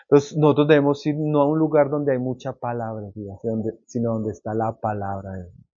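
A man preaching a sermon with passion, swinging between loud emphatic lines and quiet low ones, calling his listeners brothers. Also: level tone, brisk, lo-fi sound. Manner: repeats and addresses listeners as brother.

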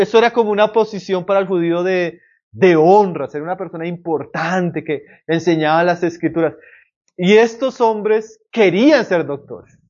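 Man preaching, fervent and urgent, slightly high voice, lo-fi recording. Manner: impassioned, swings between loud emphatic lines and quiet low ones; repeats and addresses listeners as brother. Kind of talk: sermon.

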